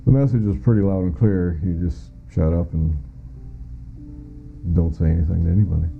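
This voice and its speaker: Deep and gravelly, the voice of this middle-aged American man holds steady at a normal pace as he testifies in an interview about what he witnessed. He's a former air traffic controller who speaks plainly and matter-of-factly. Soft background music accompanies the muffled lo-fi audio.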